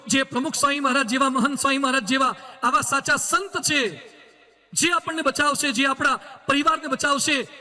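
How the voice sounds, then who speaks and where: Monk guy preaching a sermon, really high bright voice, big hall echo, acts out little stories. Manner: storytelling with acted quotes, slow emphatic English lines. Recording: long hall reverb.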